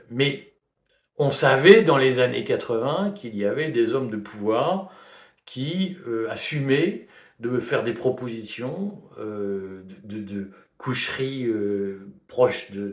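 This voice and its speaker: Man in his fifties, roomy echo. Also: mid-range voice. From Belgium. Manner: hesitant, many fillers and restarts. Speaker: commentator. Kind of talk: spoken video commentary.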